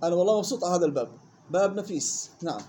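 A man teaching Quran recitation rules to students in a room. He reads the rule text slowly and then explains it in quick colloquial talk. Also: sits high, expressive, dark tone, a little hiss or hum. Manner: drills syllables slowly and questions students. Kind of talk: classroom lesson explaining a text.

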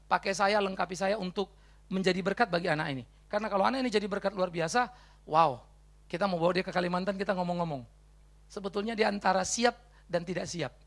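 A male pastor with a Batak accent, preaching a sermon in a lively, conversational storytelling way and acting out bits of dialogue. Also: high voice, a little fast. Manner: animated storytelling, conversational asides; acts out dialogue in his story.

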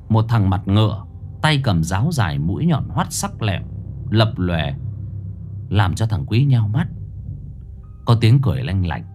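A man narrating a ghost story in a dramatic, expressive way. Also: fairly low pitch. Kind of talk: scripted horror story narration. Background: faint music.

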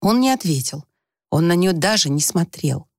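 A woman narrating an audiobook in an expressive reading style, lifting her voice in the tense moments. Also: normal speed, no echo, studio quality. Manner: expressive reading, rising pitch for the anxious heroine. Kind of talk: scripted narration.

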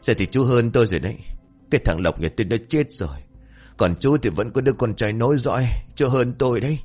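A man's voice: medium pitch, lively intonation, fast, darkish tone, soft background music, natural voice. A man voicing a hot-tempered middle-aged father, bitter and threatening in his grief.

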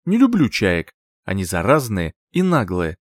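A man reading an audiobook, voicing a blunt, hot-tempered young woman who shouts her lines in a shrill voice. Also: wildly swooping pitch, measured pace, dry recording, studio quality, full character voice. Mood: indignant.

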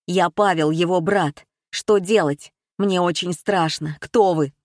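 A woman voicing a frightened young man who shouts in panic. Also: fairly low pitch, measured pace, dry recording, clean studio sound, lightly acted. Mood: panicked.

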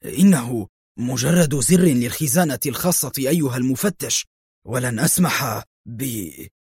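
A cornered crime boss posing as an honest businessman, voiced by a male narrator, blustering to cover his fear. The voice is husky and dry, hovering at a middling pitch in this audiobook tale. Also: animated, moderate pace, a little mellow, no echo. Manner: blustering yet shaken. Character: nervous businessman secretly leading a crime ring.

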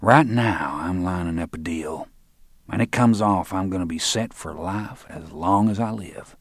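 A man's voice: low voice, measured pace, dry recording, clean studio sound. A man voicing a crude, boastful middle-aged swamp guide with a drawl and profane talk.

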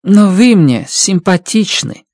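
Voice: mid-range voice, lively intonation, slow, no echo, clean studio sound, pitched above the performer's own voice. A reader voicing a stern, domineering woman mission chief who barks orders in an audiobook. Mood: coolly firm. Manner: shouting, harsh and domineering. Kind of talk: audiobook character voice.

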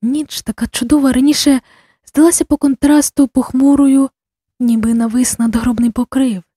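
Woman audiobook narrator, measured and expressive, mellow breathy tone. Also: sits high, no echo, studio quality.

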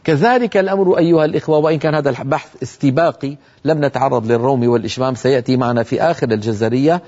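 A man teaching Quran recitation rules in a televised lesson, explaining calmly and chanting the examples slowly. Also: mid-range voice, highs cut off. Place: television studio.

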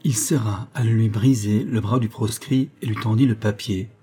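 A man narrating an adventure novel as an audiobook in a measured literary reading. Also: fairly low pitch, steady tone, dark tone, husky. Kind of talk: scripted narration.

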